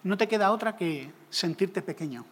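A man preaching a humorous sermon, jokey and animated, acting out little scenes. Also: sits high, moderate pace, husky, long reverb tail.

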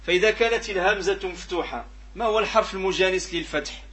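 A man with a Moroccan Arabic accent teaching a tajweed lesson, asking the students questions and repeating pronunciation examples in a drawn-out way. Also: sits high, fairly bright tone. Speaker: Quran recitation teacher.

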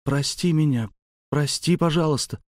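A man's voice: a little high, animated, fairly quick, mellow, no echo, voice pushed up. A timid young woman near tears, pleading in a voice lifted well above the reader's own, as a man puts her on. The storybook reading is dry and close, with no room around it.

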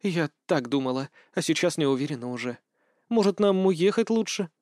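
A man's voice: a little high, expressive, moderate pace, darkish tone, no echo, clean studio sound, lightly acted. A man reading aloud voices a weary, stubborn noble baroness who talks in a tired, pleading way.

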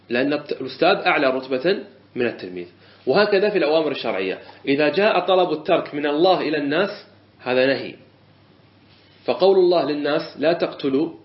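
A man teaching a classroom lesson on a religious legal text, explaining patiently, repeating phrases and asking and answering his own questions. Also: fairly high pitch. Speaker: teacher of Islamic jurisprudence. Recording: echoey lo-fi room recording.

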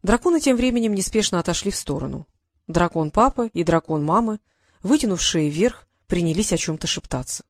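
A woman reading an audiobook story in an even storytelling manner. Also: on the low side, brisk, dry recording. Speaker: narrator. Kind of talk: audiobook narration.

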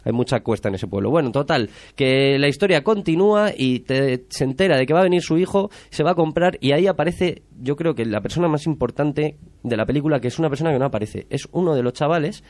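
A man's voice: on the high side, lively intonation, fast talker, hardly any pauses, a little mellow. A man with a Spain Spanish accent, chatting casually as a podcast host and mockingly retelling a film plot. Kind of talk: casual film review chat.

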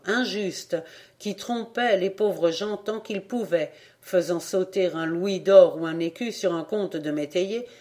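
A volunteer reader narrating a classic novel at a measured pace. The voice sits at a middling pitch, neither high nor low, and tells the story evenly. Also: a little mellow. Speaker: audiobook reader. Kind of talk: literary audiobook narration.

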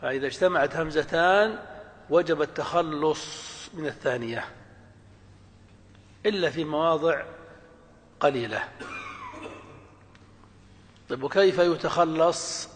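A man's voice: fairly high pitch, measured pace, long pauses. Man teaching in a reverberant hall. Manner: explains step by step with questions to students. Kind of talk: classroom grammar lesson.

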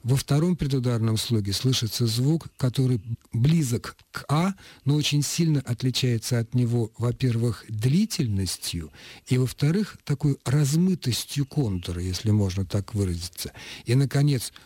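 A man in a studio explains speech rules like a patient lecturer, precise and orderly with a dry wit. His voice sits at an ordinary middle pitch. The sound is close and dry, with no room echo. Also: animated, normal speed, a little mellow, slightly rough. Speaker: linguistics expert guest. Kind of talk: radio talk, explaining pronunciation rules.

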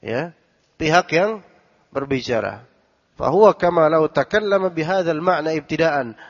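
A man's voice: fairly high pitch, lively intonation, moderate pace. Man teaching a religious lesson in an echoing hall. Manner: explains Arabic text phrase by phrase, quizzes listeners. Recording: dull recording with long hall reverb.

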